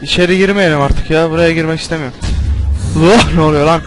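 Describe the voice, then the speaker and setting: A young man commentating a game as he plays, panicking, swearing and yelling at it. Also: on the high side, steady tone, fast, over music, rough recording. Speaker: gameplay commentator. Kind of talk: let's play commentary.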